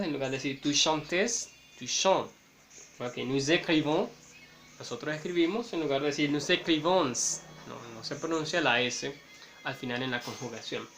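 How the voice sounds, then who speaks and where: Male language tutor, unhurried and deliberate, explains and repeats words for practice. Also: a little high, fairly bright tone, a little hiss or hum. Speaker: French teacher. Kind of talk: bilingual language lesson.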